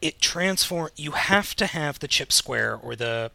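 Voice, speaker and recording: A man's voice: fairly high pitch, lively intonation, unhurried, vocal fry, sharp tone, no room sound. An American man co-hosting a casual podcast chat, talking in a slangy, emphatic, jokey way. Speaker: podcast co-host. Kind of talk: casual chat about toy news.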